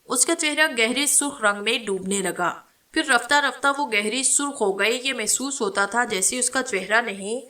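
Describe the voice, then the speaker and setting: A woman narrating a horror novel in a steady, dramatic reading style. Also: on the high side. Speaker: storyteller.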